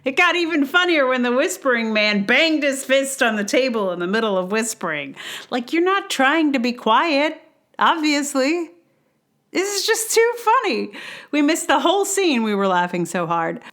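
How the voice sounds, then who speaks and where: A woman with a stage background talks through her thoughts in a casual vlog. Her delivery is wry and expressive, and she sounds amused by her own points. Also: high voice, moderate pace. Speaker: theater performer and commentator.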